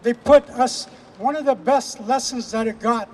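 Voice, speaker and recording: A man from Canada delivering an impassioned speech at an outdoor rally, emphatic and repetitive, slowing down to stress key phrases. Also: very high voice, big-room sound. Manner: emphatic, repetitive, with slow weighty pauses. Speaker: rally speaker.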